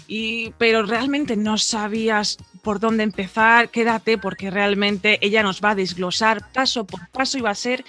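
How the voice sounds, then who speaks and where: A woman in her thirties from Spain hosting a podcast, chatty and bubbly, rambling warmly as she opens the episode and questions her guest. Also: medium pitch. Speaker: podcast host. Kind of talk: casual podcast interview.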